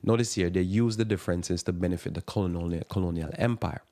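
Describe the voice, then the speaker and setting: A man's voice: deep voice, quick pace, mellow. A man preaching a sermon-style radio talk in a thick accent. He rambles, restarts his words and chuckles at his own asides. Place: radio program.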